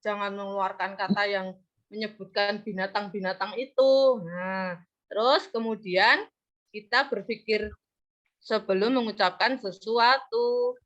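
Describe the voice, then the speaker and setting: Bright-voiced woman teaching a class. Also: medium pitch, steady tone, a little slow. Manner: leaves words half-said for the class to finish; coaxing, praising teacher talk. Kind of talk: practice classroom lesson. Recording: muffled lo-fi recording.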